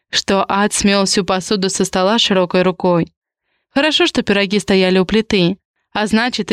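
A woman narrating an audiobook in an even, measured reading style. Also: mid-range voice, clean tone, no room sound, clean studio sound.

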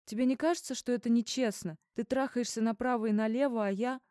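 Woman doing a scared young woman, trembling and pleading, higher than the narration, dry close sound. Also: fairly even intonation, fast, a little mellow, no echo, natural voice. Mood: upset.

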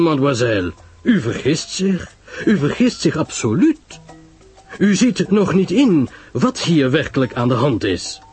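In an audiobook story, a man voices a shrewd, courteous, self-assured detective, explaining things in a husky, deliberate and emphatic way. His voice is a little high and heavily acted.

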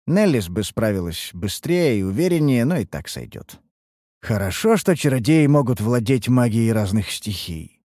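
A man narrating a first-person fantasy audiobook in a steady, measured way. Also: mid-range voice, dry recording, studio quality.

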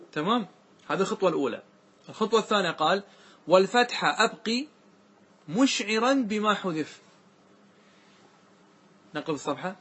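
Husky-voiced male grammar teacher. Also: a little high, fairly bright tone. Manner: questions the class often and repeats key points; recites verse lines slowly and drawn out. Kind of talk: classroom lesson.

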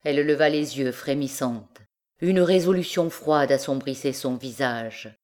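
A woman narrating a classic novel as an audiobook, reading in a slow, measured way. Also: a bass voice, darkish tone. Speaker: audiobook reader.

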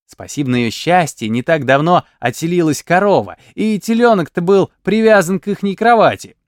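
A man narrating a bawdy folk tale in an expressive, lively reading voice. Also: high-pitched, moderate pace, no room sound, clean studio sound. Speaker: storyteller.

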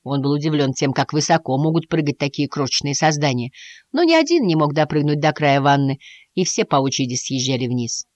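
A woman narrating a children's audiobook with an expressive, lively reading. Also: deep voice, a little fast, no room sound. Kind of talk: storybook narration.

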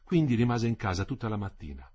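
A man narrating a literary novel as an audiobook reader, expressive and measured. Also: fairly low pitch, breathy edge.

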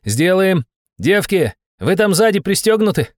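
A man's voice: high-pitched, very animated, a little slow, dry recording, clean studio sound, voice pushed up. A man voicing a cocky young female shaman who drives recklessly, teasing and bold. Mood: brash.

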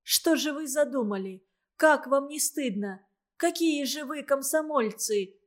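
A woman's voice: high-pitched, animated, slow pace. A woman voicing an indignant young Komsomol girl who scolds and fights back tears in an audiobook reading. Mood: furious.

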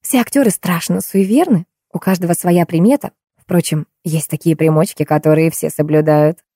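A woman reading an audiobook, voicing a friendly, nosy young woman with a lively, familiar way of talking. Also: on the low side, normal speed, no room sound, clean studio sound. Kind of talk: audiobook character voice.

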